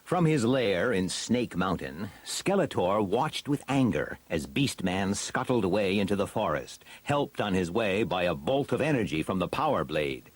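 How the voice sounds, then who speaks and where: A man reading a fantasy storybook aloud as a theatrical, expressive narrator. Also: low-pitched, moderate pace, hardly any pauses. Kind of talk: dramatic scripted storybook narration.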